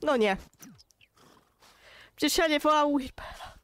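Her voice sits high and she takes her time. She's a young gaming YouTuber with a Polish accent, giving casual, chatty play-by-play straight to her viewers and sounding exasperated.

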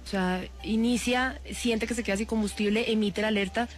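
A woman's voice: on the high side, steady tone, moderate pace, faint music behind. A woman explaining events as a journalist in a live radio news discussion.

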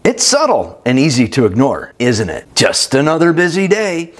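A man giving scripted narration in a lively, emphatic storytelling manner, with a husky voice. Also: medium pitch, normal speed.

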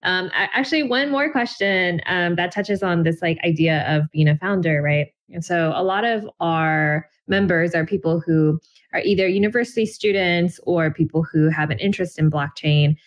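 A woman's voice: lowish voice, normal speed, dull audio. A woman hosting an interview over a video call from a room at home, asking questions in a friendly, hesitant way with many fillers. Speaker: interview host. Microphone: video call webcam.

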